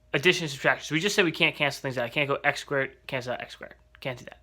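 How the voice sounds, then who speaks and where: A man's voice: a little high, pushed and bright. A man teaching an algebra lesson, explaining step by step and checking in with rhetorical questions. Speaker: math teacher.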